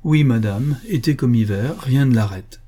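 A man's voice: mid-range voice, moderate pace, warm tone, slightly rough, lightly acted. A man voicing a talkative male concierge who is deferential and emphatic, eager to reassure his listener.

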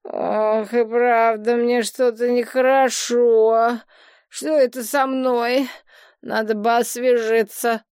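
A woman voicing a tipsy, capricious young woman who talks in a slow, slurred and whiny way, recorded dry and close. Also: mid-range voice, gravelly, no echo. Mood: whiny drunk.

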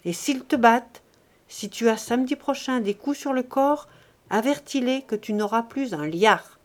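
A woman reading a young woman in an audiobook who is firm but kind, gently reproving. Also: on the high side, moderate pace, lightly acted.

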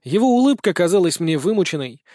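A man narrating a fantasy audiobook in the first person with an even storytelling delivery. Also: sits high, quick pace, no echo, clean studio sound.

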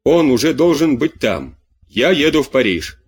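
A man's voice: medium pitch, big pitch swings, moderate pace, breathy edge. A man playing a frantic old farmer. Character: anxious older male farmer, frantic and guilt-ridden.

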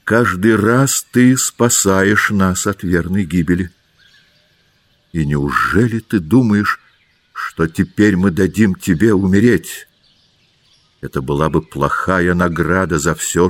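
A man voicing a kindly, grave middle-aged doctor in an audiobook, speaking low, slow and earnest. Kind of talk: audiobook character voice.

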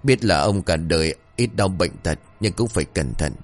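A man voicing a tired older wife fussing over her husband in a horror story, in his own deep voice. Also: animated, normal speed, faint music behind. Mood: concerned.

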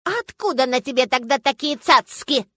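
A woman's voice: sits high, normal speed, bright, forceful tone, dry recording, voice pushed up. Woman playing a snide old village granny. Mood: mocking. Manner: snide, mocking, folksy. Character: sly old village herbalist granny, sharp-tongued. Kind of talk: audiobook character voice.

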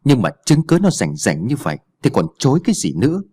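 A man's voice: mid-range voice, big pitch swings, moderate pace, mellow, slightly rough. A man voicing an exhausted, resigned poor older father in an audio story. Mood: anguished.

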